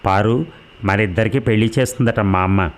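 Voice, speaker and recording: A man's voice: on the low side, brisk, natural voice. A man voicing a sensitive, timid young village boy in a storybook reading, with a raised boyish voice. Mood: tearful.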